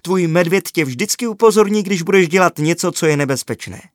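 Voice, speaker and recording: Man doing a young girl, excitable, high, exclaiming, storybook, dry recording. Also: no echo, natural voice. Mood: cheerful.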